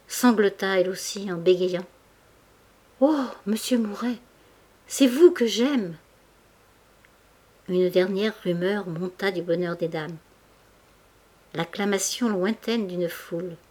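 A woman narrating a classic novel as an audiobook, measured and expressive. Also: mid-range voice. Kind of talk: literary audiobook reading.

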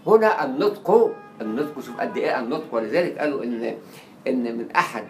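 A man with an Egyptian Arabic accent lectures at a quick clip, lively and theatrical, slipping into quoted voices and repeating words to drill their pronunciation. The sound comes from an echoey lecture room with a faint hiss behind him. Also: medium pitch. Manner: animated, acts out quoted dialogue and drills pronunciation. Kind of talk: university lecture on Arabic writing. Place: lecture hall.

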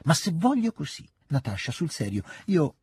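A man with a husky voice voicing a lively, teasing young noble girl in a literary reading. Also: on the high side, moderate pace, no echo, studio quality, pitched above the performer's own voice, heavily acted. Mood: insistent. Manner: playful, insistent, coaxing.

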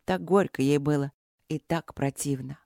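An audiobook narrator reading in a steady, measured way. The voice sits in a middle register and is recorded close with a dry sound and no room echo. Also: medium pitch, gravelly.

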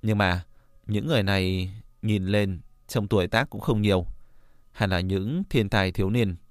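A man narrating a fantasy novel as an audiobook in a steady storytelling read. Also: fairly low pitch, normal speed, no room sound, clean studio sound. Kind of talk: scripted narration.

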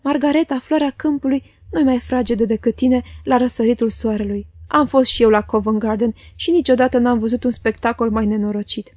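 A woman voicing a self-assured young gentleman student who talks with easy, teasing condescension. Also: a little high, hardly any pauses, no room sound, lightly acted. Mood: teasing, amused.

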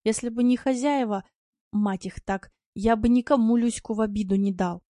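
Brief: sullen bitter tomcat, read by a woman storyteller; slow, dull mutter, dark tone. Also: a little high, no room sound, studio quality, close to an everyday voice. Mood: gloomy.

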